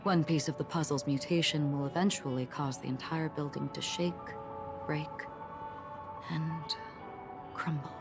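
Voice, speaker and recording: Cryptic swordswoman, low and even, game dialogue over music. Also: measured pace, long pauses. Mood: calm, detached. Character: calm, cryptic young swordswoman, detached and forgetful. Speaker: game character voice. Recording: game audio under a score.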